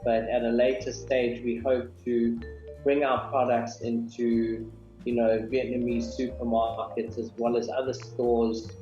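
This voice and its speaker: A man with a South African accent talks easily about his work, pausing often on ums and uhs. He sounds like he is in an echoey room, heard through a dull, muffled webcam mic. Faint music sits behind him. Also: medium pitch. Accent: South African English. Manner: relaxed, with frequent ums and uhs. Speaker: guest, business founder. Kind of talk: video call interview. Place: small home office indoors. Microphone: webcam on a video call. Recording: dull, roomy video call audio.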